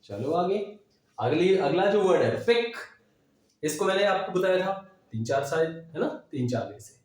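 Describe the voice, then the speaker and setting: Guy teaching english vocab w memory tricks, kinda high voice, super echoey room, keeps asking "right?". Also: very animated, moderate pace, a little mellow. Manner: explains with mnemonics, frequent "है ना?" check-ins. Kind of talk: classroom-style vocabulary lesson.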